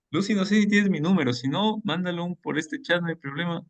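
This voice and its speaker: A man's voice: fairly high pitch, moderate pace. A man moderating an online reading club meeting. He talks in a friendly, chatty way, chuckles often and explains things at length.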